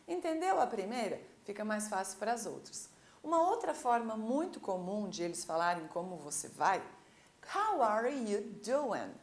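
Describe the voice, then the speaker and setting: Brazilian woman, Brazilian Portuguese accent, English teacher, animated, slow model phrases, roomy echo. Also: fairly high pitch. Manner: lively, drawn-out model pronunciation with teacherly check-ins. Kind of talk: online classroom lesson.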